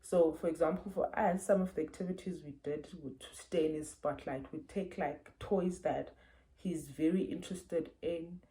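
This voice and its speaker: A South African woman talks through a book review in a casual, earnest way, stopping often to give examples. Her voice sits low, with a soft, mellow tone. The sound comes through wireless earbuds. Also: fairly even intonation, moderate pace, poor audio. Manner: earnest, explanatory, gives examples. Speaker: parent reviewing books.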